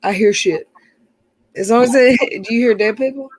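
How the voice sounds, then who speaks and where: A woman in her forties hosts a relaxed livestream chat and reads viewer comments aloud as she goes. Her voice sits a little high, and the sound is dry and close, with no room echo. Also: moderate pace. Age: 40s. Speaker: stream host. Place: outdoors near her house.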